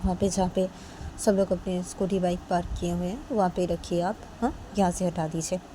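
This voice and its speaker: A woman's voice: lowish voice, steady tone, brisk, mellow, slight background noise, natural voice. A woman doing a soothing, placating college principal. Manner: soothing, coaxing, polite pleading.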